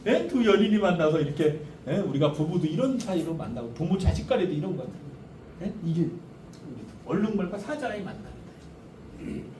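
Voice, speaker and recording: A middle-aged man giving a lively lecture on family life, joking with the audience and asking them questions. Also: high voice, normal speed. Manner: animated, jokey, asks audience questions. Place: lecture hall. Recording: echoey hall, distant mic, faint noise.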